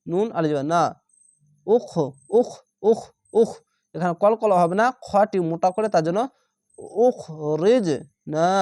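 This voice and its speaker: This is a high, warm male voice captured in a dry, studio-quality recording. He's teaching Quran reading, going patiently through Arabic letters and syllables individually, repeating them and lengthening the long vowels methodically.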